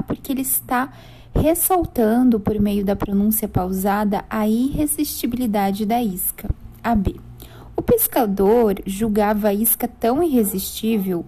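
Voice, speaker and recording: Mellow-voiced Brazilian teacher spelling syllables. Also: female voice, on the high side, slight background noise. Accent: Brazilian Portuguese. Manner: spells out syllables slowly, one by one. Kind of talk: correcting a textbook exercise.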